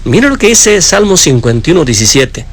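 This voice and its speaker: A man preaching a sermon with passion, addressing his listeners directly and swinging between raised high emphasis and low hushed phrases. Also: very animated, a little fast, breathy edge.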